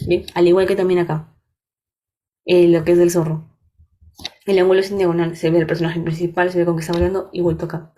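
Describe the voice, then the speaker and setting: This workshop instructor, a young woman with a Peruvian Spanish accent, speaks quickly and evenly in a lowish, dark voice, pausing often. Her explanation proceeds in steps, and she regularly makes sure the audience is following along.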